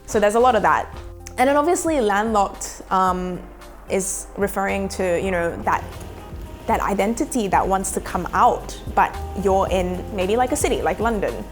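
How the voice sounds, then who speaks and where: A woman, speaking softly and thoughtfully in a reflective documentary interview. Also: medium pitch, animated. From Australia. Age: 20s. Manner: soft-spoken and thoughtful, slowing down on feelings. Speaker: documentary subject. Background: faint background music.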